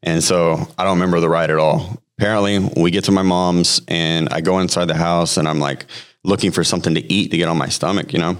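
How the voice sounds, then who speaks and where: A podcast guest in his thirties who grew up in Hawaii tells his personal testimony as conversational storytelling. His low-pitched voice keeps a fairly even intonation, and he speaks haltingly and casually, full of fillers and restarts.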